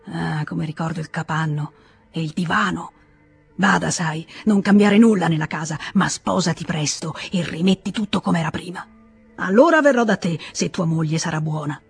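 A reader voicing a drunk, frightened, volatile grown man in an Italian audiobook reading, with excited pleading outbursts. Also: medium pitch, moderate pace, gravelly, breathy edge. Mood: wistful.

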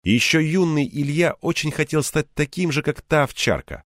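A male audiobook narrator with a measured, expressive reading style. His pitch moves a lot across each phrase. The voice is recorded close and dry, with no room sound. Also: no echo. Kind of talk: scripted narration.

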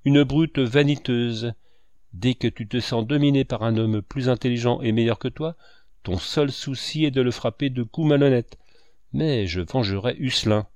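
A man's voice: medium pitch, moderate pace, darkish tone, no echo, lightly acted. A man voicing a young woman silently scorning a brute and vowing revenge. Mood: scornful. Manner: scornful, inward.

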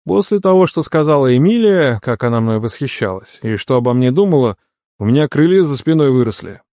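A man reading a first-person novel aloud as an audiobook narrator, expressive, on a close studio mic. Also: mid-range voice, a little fast, no room sound. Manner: expressive storytelling.

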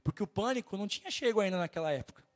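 A man with a Brazilian Portuguese accent delivers an impassioned sermon, his voice noticeably nasal and pitched high for a man. He exhorts the congregation again and again, speaking with urgent fervor. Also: lively intonation, rapid-fire. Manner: fervent, exhorting, keeps repeating "my brother". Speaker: preacher.

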